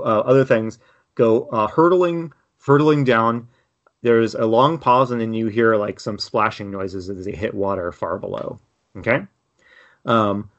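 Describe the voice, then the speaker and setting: A man narrates as game master for a tabletop game. He describes each scene in a loose, meandering way, with plenty of fillers and restarts. The recording sounds slightly dull and lo-fi. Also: mid-range voice. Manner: loose, rambling description full of "like" and "uh".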